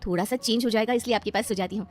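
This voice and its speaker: A woman voicing a sharp-tongued, stubborn young wife in a comic skit, scolding and insistent. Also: a little high, fairly even intonation, very fast, lightly acted.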